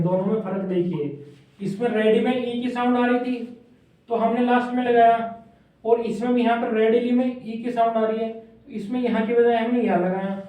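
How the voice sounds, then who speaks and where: A male shorthand teacher giving a classroom lesson, saying each word slowly twice and stopping to ask his students questions. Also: very high-pitched, dark tone. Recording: distant, echoey, dull lo-fi room sound.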